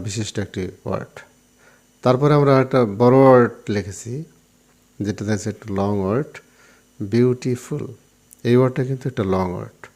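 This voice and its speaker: Male teacher, slightly low voice, quizzes himself then answers, calm classroom explaining. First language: Bengali. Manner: explains step by step, repeats key terms, asks and answers his own questions. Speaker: English teacher. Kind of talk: classroom grammar lesson to viewers.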